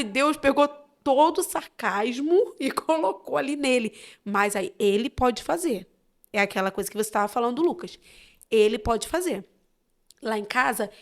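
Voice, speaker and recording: A woman with a Brazilian accent, a guest on a church podcast, telling family stories in a lively, expressive way. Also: fairly high pitch. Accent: Brazilian Portuguese. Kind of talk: casual storytelling chat.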